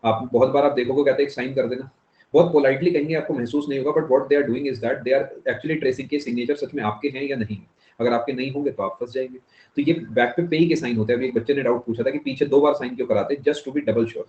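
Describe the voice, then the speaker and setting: A man's voice: mid-range voice, fast, darkish tone. A man teaching an economics class, explaining step by step, slipping into English phrases and checking if students follow. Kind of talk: classroom lecture. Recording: dull, echoey classroom recording.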